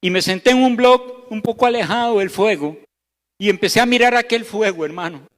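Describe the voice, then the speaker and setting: A man with a Costa Rican Spanish accent preaching a sermon as pastor, swinging between loud emphasis and hushed, slow passages. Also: high voice. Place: church hall. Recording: echoey church hall.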